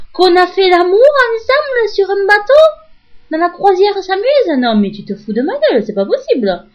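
A woman's voice: extremely high pitch, pitched above the performer's own voice. A woman voicing her own furious inner self as a brash, insulting woman with a Marseille accent. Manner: loud, ranting, mocking. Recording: dull lo-fi audio.

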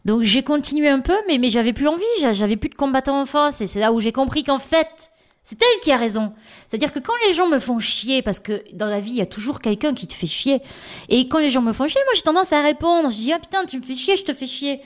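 Woman, podcaster, casual spoken anecdote, expressive, fairly high voice. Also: fairly quick. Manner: chatty, expressive, addresses listeners directly.

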